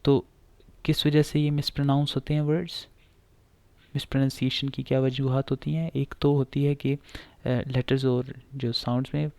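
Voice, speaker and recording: A man with a gravelly, middle-pitched voice teaches pronunciation. He explains patiently and says each word again and again, with many filler sounds. His voice is recorded dry, with no room sound. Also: flat delivery, normal speed, a little mellow, no echo. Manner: frequent filler sounds and "theek hai".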